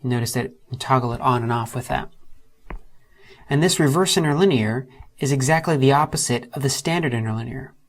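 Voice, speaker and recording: Step by step, a man with a medium-pitched voice explains software in a screen-recorded tutorial. His approach is methodical, and he takes it slower to spell out letters and terms.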